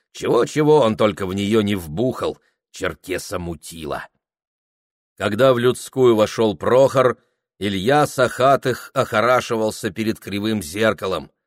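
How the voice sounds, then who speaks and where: Slow, low-voiced male narrator. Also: dry recording, clean studio sound. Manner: measured, dramatic reading. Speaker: audiobook reader. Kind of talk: scripted literary narration.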